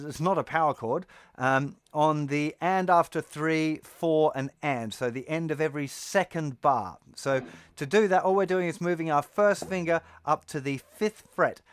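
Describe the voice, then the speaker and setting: A man giving a guitar lesson, explaining in a relaxed way and counting beats aloud. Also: a little high, smooth, no room sound. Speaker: guitar teacher. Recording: loud guitar under the voice. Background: loud guitar playing.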